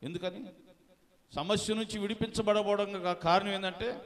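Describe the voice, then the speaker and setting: A man's voice: sits high, steady tone, normal speed. A man preaching a sermon as a pastor, calling on the congregation to answer and mixing in English words. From India. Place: church hall. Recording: long hall reverb.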